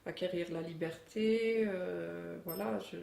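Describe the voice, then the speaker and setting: A middle-aged woman answering interview questions in a measured, thoughtful way, with pauses and fillers. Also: lowish voice, fairly even intonation, gravelly, warm tone, distant mic. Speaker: interviewee, immigrant mother. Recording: echoey room, speaker off-mic.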